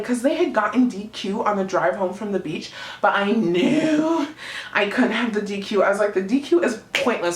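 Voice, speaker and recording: A young woman rambling through a casual, slangy storytime in a giggly, drunk manner. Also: medium pitch. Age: young adult. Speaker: vlogger telling a personal story. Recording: roomy, echoey room sound.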